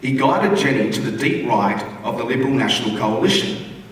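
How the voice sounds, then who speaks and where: Animated and fairly quick, an Australian reader at a theatre forum shares a humorous postcard aloud in a wry, conversational manner, his voice mid-range. The big indoor venue sounds echoey, with room noise picked up by a distant mic.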